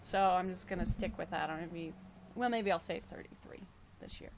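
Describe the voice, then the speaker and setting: Speaking fairly quickly in a gravelly voice over a noisy background, a late-twenties woman runs a casual livestream. She reads out viewer comments, chats, and jokes around, letting out playful high-pitched exclamations.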